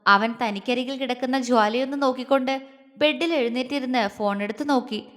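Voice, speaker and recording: Female storyteller with a high voice, soft and steady narration, long reverb. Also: a little fast.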